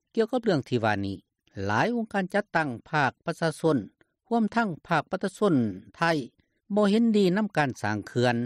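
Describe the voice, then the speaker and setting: A male news reporter with a Lao accent reads a script in a fairly high voice. His intonation is very animated, and the sound is dry and close. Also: no echo.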